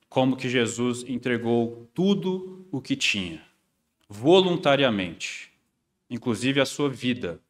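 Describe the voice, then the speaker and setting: A man, a pastor, telling a children's story and then preaching a sermon, with steady, emphatic delivery. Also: fairly low pitch. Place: church sanctuary. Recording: long church-hall reverb.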